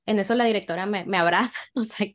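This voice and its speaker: A woman's voice: medium pitch, fast. A woman, telling her own story as a mother in a casual conversation, frank and emotional, with many restarts and repeated words.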